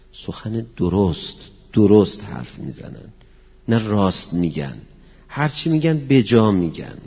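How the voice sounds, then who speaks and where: A man with a low, gravelly, slightly rough voice gives a religious lecture to an audience in a hall, captured in a dull, echoey recording. He quotes Arabic scripture and Persian verse, explains it plainly, and leads the gathering in prayer.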